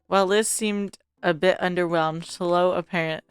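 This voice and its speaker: A woman's voice: fairly low pitch, fairly even intonation, moderate pace, clean tone, dry recording, clean studio sound. A woman reading a visual novel aloud, narrating expressively and switching into character voices.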